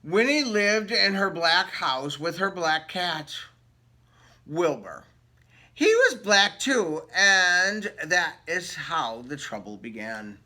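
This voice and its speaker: This children's story reader has a high, very animated voice, slow and bright with real force behind it. He reads a picture book aloud in a playful way, stopping to ask the kids questions.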